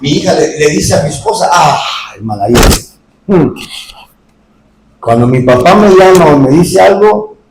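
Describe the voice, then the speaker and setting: A middle-aged man preaching a sermon in a church, moving between quiet talk and shouting. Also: fairly high pitch, animated, measured pace, roomy sound, recorded from a distance, noisy background. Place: church hall.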